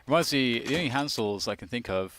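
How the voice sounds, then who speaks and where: A man giving live play-by-play commentary on a match, chatty and quick to laugh, with rambling asides. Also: medium pitch, animated. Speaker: esports commentator. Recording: light background noise with game gunfire.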